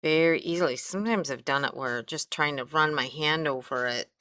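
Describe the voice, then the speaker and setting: A middle-aged woman from the American Midwest, with a low voice and sharp tone, chats a little fast while demonstrating a craft in a casual tutorial. As an instructor with a Midwestern accent, she rambles and trails off mid-sentence, and the recording is dry.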